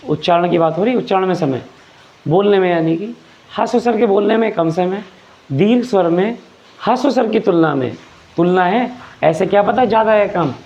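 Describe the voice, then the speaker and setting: A man's voice: high-pitched, gravelly, darkish tone. A man teaching a grammar lesson, explaining patiently, repeating phrases and asking rhetorical questions. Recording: dull lo-fi recording.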